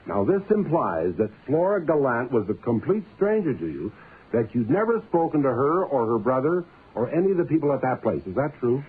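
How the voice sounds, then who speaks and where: An actor playing a gruff, skeptical police inspector with a blunt, insistent manner in a radio detective drama. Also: male voice, mid-range voice, very animated, fairly quick. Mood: insistent, interrogating. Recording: lo-fi, noisy old radio recording.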